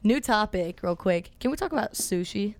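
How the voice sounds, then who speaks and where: A woman's voice: mid-range voice, expressive, moderate pace, no room sound. A teenage girl with a Midwestern American accent, co-hosting a casual podcast chat and laughing often between lines. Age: teens. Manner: giggly, chatty. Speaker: podcast co-host.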